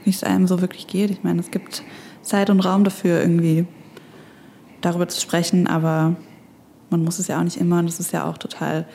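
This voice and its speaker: A young woman from Stuttgart speaks in a soft, reflective way, opening up in an easy conversation. Her voice is mellow and warm rather than bright, with a faint hiss of noise behind it. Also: on the low side, level tone, a little fast, creaky. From Stuttgart, Germany. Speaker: podcast guest. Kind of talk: casual conversation.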